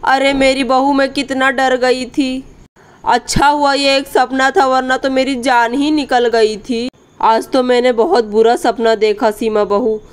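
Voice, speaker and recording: A woman's voice: high-pitched, little pitch movement, measured pace, clean tone. A woman voicing a frightened old village mother-in-law in a doll story, pleading and fearful.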